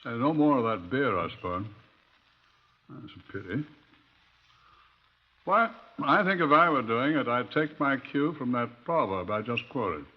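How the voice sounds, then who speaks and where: A man voices a droll, bookish adviser in a radio drama, dry and musing in tone. He speaks in a sing-song, mid-range voice at a measured pace, with frequent pauses. It sounds like a muffled old radio recording.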